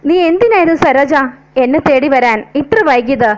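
A woman's voice: high voice, expressive, normal speed, low-quality recording. A woman voicing a lovesick, remorseful aging man who pleads tenderly. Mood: pleading.

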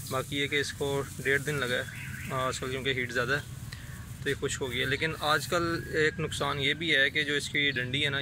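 A man explains, step by step and with many fillers, how he makes hay for his goats. He is outdoors on a rooftop, speaking to a phone camera he holds. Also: mid-range voice. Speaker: rooftop goat farming vlogger. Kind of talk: casual explanatory vlog. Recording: outdoor recording with clear background noise.

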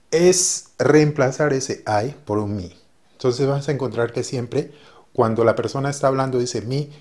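A man's voice: mid-range voice, a little mellow. A man teaching in a casual video lesson, patient and repetitive, with frequent fillers. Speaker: language teacher.

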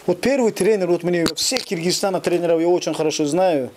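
Fast-talking man. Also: high voice, darkish tone, a little hiss or hum. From Kyrgyzstan. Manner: rapid, repetitive, broken phrasing. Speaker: co-host judging fighters. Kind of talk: casual interview chat.

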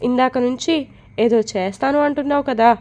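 Feisty sassy young woman, read by a lady, scolds and talks back, highish voice. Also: fairly quick, darkish tone, natural voice.

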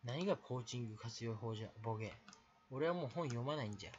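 A man's voice: mid-range voice, lively intonation, quick pace, darkish tone, highs cut off, a little hiss or hum. A man ranting bluntly and crudely in a late-night solo chat, talking alone to the mic in bursts. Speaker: aspiring game streamer.

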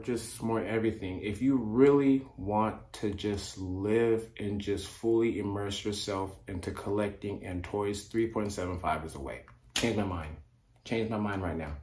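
A man's voice: on the low side, a little mellow. A man hosting a toy collecting vlog, talking earnestly and with enthusiasm, often repeating his phrases. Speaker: toy collecting channel host. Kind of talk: casual vlog to camera. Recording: echoey room.

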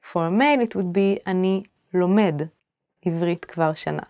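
A young woman teaching a language lesson to camera, repeating each phrase slowly and clearly before explaining it. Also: on the low side, darkish tone, dry recording, muffled recording. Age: 20s. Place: indoor studio, plain backdrop.

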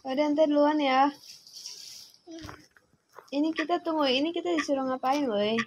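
A woman's voice: high voice, normal speed, muffled recording, noisy background. A young woman, chatting casually through a game and bossing her younger sibling around. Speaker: gaming streamer. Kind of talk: casual gameplay commentary.

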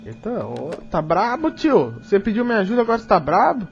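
A man's voice: sits high, wildly swooping pitch, fast talker, vocal fry, highs cut off. A young man with a Brazilian Portuguese accent doing let's play commentary of a horror game, jumpy and swearing, talking to himself. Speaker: gaming youtuber.

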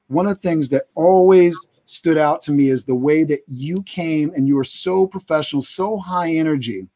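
A man in his thirties hosts a live interview show on a video call. His voice is a bit higher than most men's, and he talks as the presenter. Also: darkish tone. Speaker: host of a business show.

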